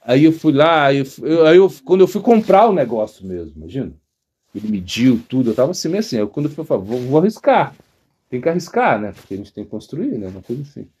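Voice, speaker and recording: Husky-voiced man telling rambling stories. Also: medium pitch, sing-song, quick pace, a little mellow. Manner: rambling storytelling, acts out quotes, laughs often. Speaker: monk giving a spiritual talk. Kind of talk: informal spoken discourse with anecdotes.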